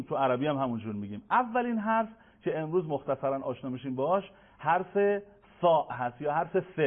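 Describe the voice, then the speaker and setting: A man teaching Quran pronunciation in a televised lesson, patient and formal, addressing viewers politely and slowing down to chant verses. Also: on the high side. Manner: slows to chant Arabic verses. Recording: tinny phone-like broadcast sound.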